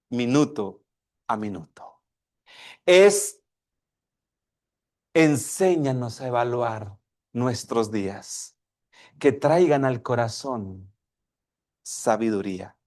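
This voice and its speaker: A man's voice: mid-range voice, animated, slow pace, long pauses, darkish tone. A man preaching a sermon, asking his congregation questions and acting out a dialogue between a father and his child. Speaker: pastor.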